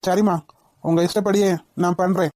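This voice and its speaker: A woman's voice: fairly low pitch, fairly even intonation, moderate pace, darkish tone, no room sound, natural voice. Earnest defiant young man done by a woman for a cartoon, dry close voice. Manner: pleading, earnest. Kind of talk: cartoon voice acting.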